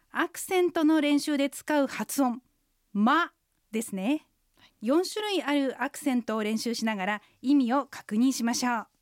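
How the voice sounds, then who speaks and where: A woman co-hosting a radio language lesson, slowly and carefully explaining how sounds are pronounced. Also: high-pitched, a little mellow, dry recording, clean studio sound. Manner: slow, careful explanations of pronunciation. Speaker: Chinese language instructor and co-host. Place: radio studio.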